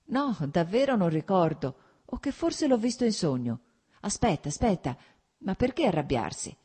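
A woman's voice: deep voice, mellow, husky. A woman voicing a scruffy, hungover young officer who jokes and teases in a mock-solemn way.

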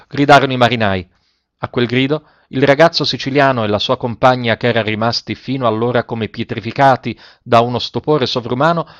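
A man's voice: mid-range voice, no room sound. Man reading a story aloud, dry muffled sound. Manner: raises voice sharply for shouted lines, slows for solemn ones. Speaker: narrator. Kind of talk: dramatic audiobook reading. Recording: dull, dry, muffled recording.

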